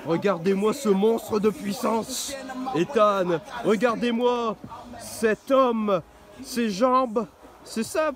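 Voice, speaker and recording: A man calling a wrestling match play-by-play, excitable and bursting into shouted exclamations. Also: high-pitched, slow pace, over music. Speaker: wrestling commentator.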